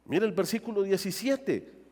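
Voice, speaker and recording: A male pastor delivers a sermon with lively, swinging intonation, often tossing rhetorical questions to his congregation. His voice sits a little high for a man. The sound carries the long reverb of a church sanctuary. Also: normal speed.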